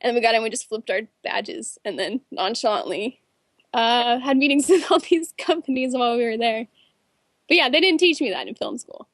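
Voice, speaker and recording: A woman's voice: fairly high pitch, lively intonation, normal speed, no echo, studio quality. A young woman, a film director, answering interview questions in a chatty storytelling way with many fillers.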